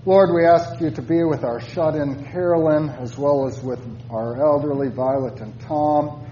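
A man leading formal church prayers as a pastor, in a solemn, measured manner. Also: on the high side, warm tone, reverberant. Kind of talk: formal liturgical prayer and chant. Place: church service. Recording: muffled church recording with faint noise.

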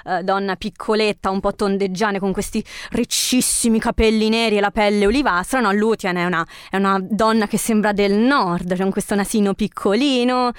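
Clear-voiced woman hosting playfully. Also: medium pitch, dry recording, clean studio sound. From central Italy. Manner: playful, teasing. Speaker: host. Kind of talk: casual chatty radio-style hosting.

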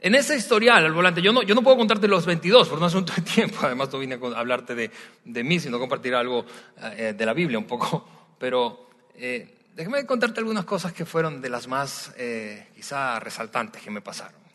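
A man from Venezuela, preaching a sermon in a relaxed, storytelling way, often pausing with hesitations. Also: medium pitch. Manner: warm, conversational storytelling with frequent hesitations. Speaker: pastor. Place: large church hall. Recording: long hall reverb from a large church.

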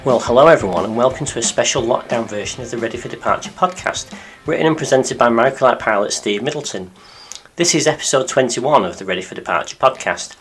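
A man with a deep, croaky voice, hoarse from illness, presenting a scripted podcast narration as a pilot and host. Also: animated, quick pace, a bit bright, soft background music, poor audio. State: croaky after a week of flu-like illness.

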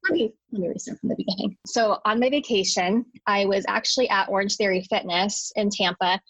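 A woman's voice: mid-range voice, fairly quick, fairly bright tone, husky, dry recording, rough recording. Young woman, hospital worker, earnest storytelling, medical terms, dry close sound. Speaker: interview guest, hospital worker. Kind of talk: personal story in conversation.

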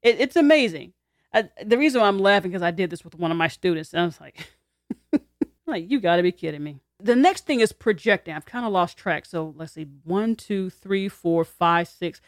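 A woman's voice: medium pitch, expressive, brisk, no echo. Woman explaining in a dry, close voice. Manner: conversational, acts out quoted lines, laughs in asides. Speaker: teacher. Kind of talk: explanatory talk to camera.

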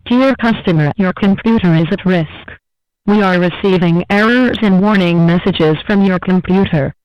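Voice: medium pitch, normal speed, smooth, no echo, lo-fi sound. An automated text-to-speech voice on a recorded phone message. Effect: robocall voice message played back. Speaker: automated scam caller.

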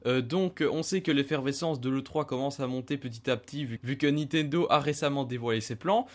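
A man's voice: medium pitch, brisk. A man hosting a casual retro gaming podcast discussion, talking with many hesitant fillers. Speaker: podcast host.

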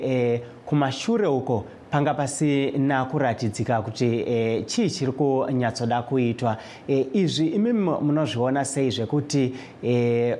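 Male host, Zimbabwean accent, mid-pitched, hesitant live moderating with lots of fillers. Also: darkish tone. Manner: hesitant, many long filled pauses. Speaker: radio talk host. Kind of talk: moderating a live call-in discussion.

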